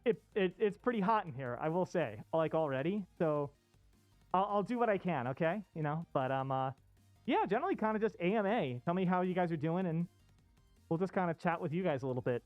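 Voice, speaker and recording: Wearing a fursuit head indoors, this streamer keeps up a casual, rambling chat in a medium-pitched voice with lively intonation and a brisk pace. An off-costume streaming mic captures a muffled, dull sound with no room sound and faint music in the background.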